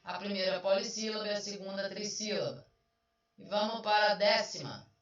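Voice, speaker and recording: A woman's voice: medium pitch, fairly quick, background noise. Chatty woman teacher, roomy and distant. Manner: chatty, explains step by step, asks and answers own questions. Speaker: Portuguese language teacher. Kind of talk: online exam review lesson. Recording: roomy, distant, dull sound.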